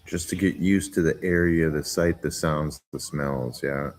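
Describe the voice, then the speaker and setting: Deep-voiced, giggly, rambling man. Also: measured pace, a little hiss or hum. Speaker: vlogger. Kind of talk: casual chat. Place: outdoors on a jungle farm.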